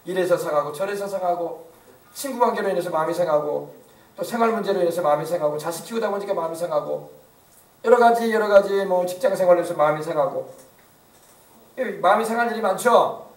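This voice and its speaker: A man's voice: high voice, fairly quick. A male pastor preaching a sermon, emphatic and often asking the congregation questions. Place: church. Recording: echoey church from far off.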